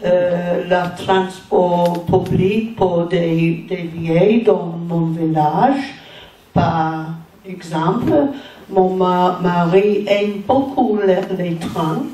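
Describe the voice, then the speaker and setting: Older english lady talking french with a foreign english accent, super slow and halting, hunting for words, kinda far from the mic. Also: fairly low pitch, steady tone, mellow. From England. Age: older, retired. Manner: halting, searching for words in non-native French. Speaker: audience member and former teacher. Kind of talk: speaking from the floor at a public meeting. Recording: roomy, distant pickup with faint noise.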